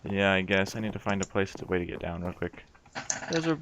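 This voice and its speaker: Laid-back guy with a lowish, lively voice, casual game chat, clear background noise. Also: fast talker. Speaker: game co-host.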